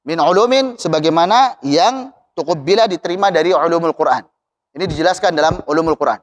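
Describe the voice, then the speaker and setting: A man teaching Quran recitation, chanting verses slowly and then explaining them patiently to his students. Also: fairly high pitch. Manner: slow melodic chanting of verses between explanations. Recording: long hall reverb.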